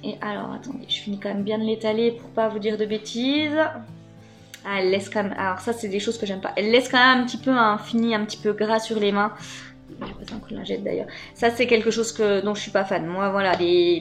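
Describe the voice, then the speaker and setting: A woman chatting casually to her viewers while unboxing beauty products, with many hesitations and fillers. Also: mid-range voice. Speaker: beauty box unboxing vlogger. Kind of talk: casual unboxing chat to camera.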